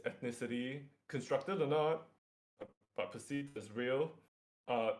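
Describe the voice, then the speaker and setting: A Singaporean man with a Singaporean accent facilitates a workshop, giving an informal lecture as he moves through slides. His voice is medium-pitched with a darkish tone, and his phrasing is hesitant, with frequent check-in tags.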